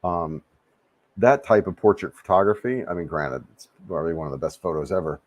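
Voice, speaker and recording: Speaking from a home room, this fifties-aged livestream host responds to chat with a laid-back, friendly ramble full of restarted sentences. He has a deep voice and talks slightly fast.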